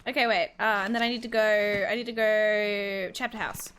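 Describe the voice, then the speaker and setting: A woman's voice: mid-range voice, steady tone, normal speed, a bit bright, smooth. A young woman streaming a game, chatting, reading the game text aloud and joking with her viewers. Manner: chatty, reads game text aloud, jokes and reacts with alarm. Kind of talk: live game playthrough commentary.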